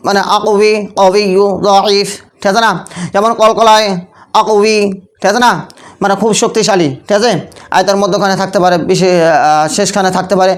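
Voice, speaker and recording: A man's voice: high-pitched, smooth. A man teaching Quran recitation rules in a classroom lesson. He keeps asking questions, answers them himself, and often checks in with short tag questions.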